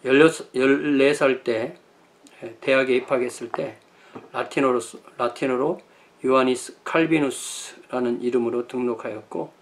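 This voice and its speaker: Man lecturing slowly with many fillers. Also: mid-range voice, fairly even intonation. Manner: thinking aloud with many fillers and self-corrections. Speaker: pastor teaching church history. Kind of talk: lecture on Reformation history.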